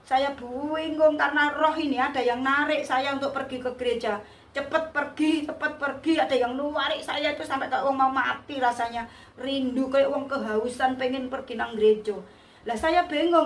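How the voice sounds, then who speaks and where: A woman's voice: high voice, fairly even intonation, moderate pace. A woman giving a personal testimony in a vivid, repetitive storytelling manner. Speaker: testimony giver. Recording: echoey room, distant mic, faint hiss.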